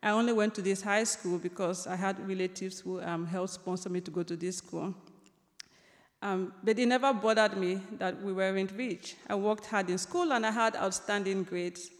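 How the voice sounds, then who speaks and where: A woman's voice: mid-range voice, normal speed. A young woman, an author telling a personal story on stage, with light humor and many ums and restarts. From Cameroon. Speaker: author giving a talk. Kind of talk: storytelling lecture. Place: large lecture hall. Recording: long reverb of a large hall.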